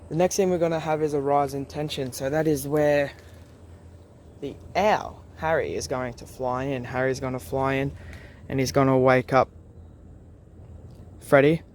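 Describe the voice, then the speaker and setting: Aussie teacher guy explaining a task, easygoing, lots of ums, medium pitch. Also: normal speed, slight background noise. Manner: relaxed, many fillers. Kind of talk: recorded class instructions.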